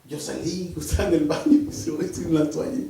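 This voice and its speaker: A man preaching a sermon at church, emphatic and animated, often dropping into a hushed voice as he tells a personal testimony. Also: fairly high pitch, a little fast, creaky, slight background noise. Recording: very echoey church hall from far off.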